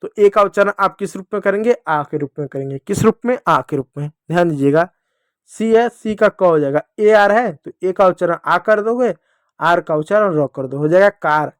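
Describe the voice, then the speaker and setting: High-voiced man teaching phonics to children. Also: moderate pace, clear, resonant tone, no room sound, studio quality. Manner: repetitive, asks and answers own questions. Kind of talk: classroom phonics lesson.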